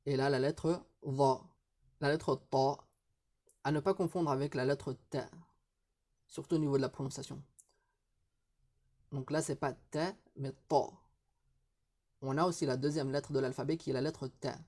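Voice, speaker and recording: A man's voice: medium pitch, steady tone, darkish tone. A man teaching reading in a recorded video lesson, drilling syllables one by one and patiently explaining pronunciation. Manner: slow, deliberate syllable-by-syllable drilling.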